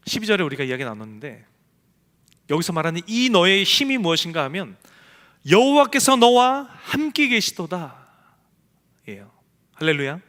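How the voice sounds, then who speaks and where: A man's voice: high voice, pushed and bright. A man preaching a sermon as pastor in a church sanctuary, emphatic and acting out the voices he quotes. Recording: echoey church hall.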